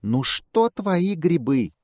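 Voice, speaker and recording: Tiny squeaky storybook squirrel, teasing, very high and a bit distant, done by a man. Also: big pitch swings, takes it slowly, a little mellow, no echo, studio quality, exaggerated voice. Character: small squeaky female squirrel.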